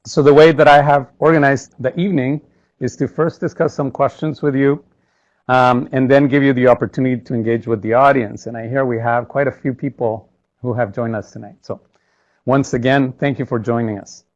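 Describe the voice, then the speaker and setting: A man from El Salvador moderating a formal interview, polite and measured with hesitant fillers. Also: medium pitch, fairly even intonation, dull audio.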